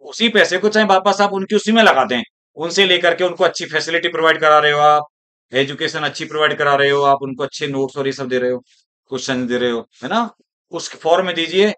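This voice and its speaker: A male teacher lecturing his class, his voice sitting a little on the high side. He talks rhetorically and keeps asking the students whether they are following him. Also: a little fast, bright, forceful tone.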